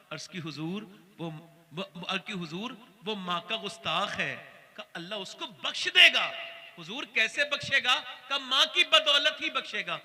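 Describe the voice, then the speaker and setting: A male preacher with a high, bright, forceful voice delivers a sermon, and a long reverb tail trails his words. He tells stories full of emotion, acting out the voices of the people in them.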